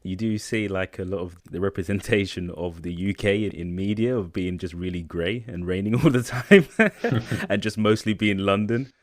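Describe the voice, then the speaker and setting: A low-voiced man from the UK co-hosts a podcast in a laid-back way, often laughing through his words. The sound is dry and close. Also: moderate pace, hardly any pauses, no echo. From United Kingdom. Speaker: podcast co-host. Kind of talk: casual podcast interview.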